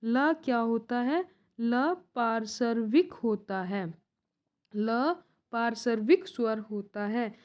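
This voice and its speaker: A woman's voice: a little high, a little mellow. A young woman teaching an exam-prep grammar lesson, who asks a question and then answers it herself. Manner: slow, repeats points as questions and answers.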